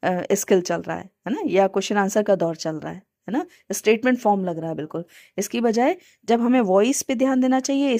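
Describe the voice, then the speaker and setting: A woman's voice: fairly high pitch, darkish tone, no echo, clean studio sound. Hindi-accented woman teacher explaining methods. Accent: Indian Hindi. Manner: explanatory, many fillers, mixes English terms. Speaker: teacher educator. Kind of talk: casual spoken lesson on teaching skills.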